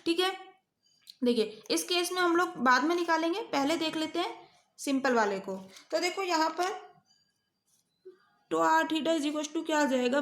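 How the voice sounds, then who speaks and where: A woman's voice: high voice, fairly bright tone, roomy sound. A woman teaching a maths lecture in speech, working step by step through equations and often putting questions to her students.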